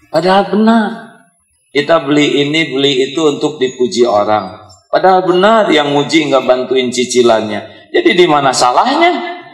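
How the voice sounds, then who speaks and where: A middle-aged man preaches in an echoey hall before a live audience. He mixes humble prayer with humor, teases listeners, and acts out little quarrels in other voices. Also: medium pitch. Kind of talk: sermon.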